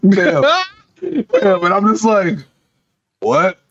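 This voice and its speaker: A man's voice: medium pitch, normal speed. A man on a podcast telling a casual gaming story, swearing freely and acting out both sides of the conversation. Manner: animated, profane, laughing storyteller acting out dialogue. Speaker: podcast co-host. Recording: dull lo-fi podcast audio.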